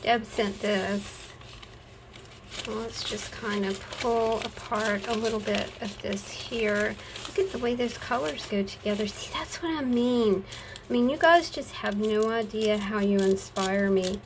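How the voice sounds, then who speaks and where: Lady crafting n chatting to her viewers, slow easygoing talk, faint hum behind. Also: medium pitch. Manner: chatty, talks to herself while working; affectionate, folksy. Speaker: craft vlogger. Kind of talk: casual crafting chat.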